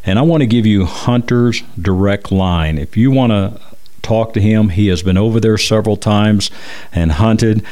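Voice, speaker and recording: With a fairly low, dark voice, this American radio host keeps things conversational while interviewing and promoting. When phone numbers come up, he says them again slowly and with care.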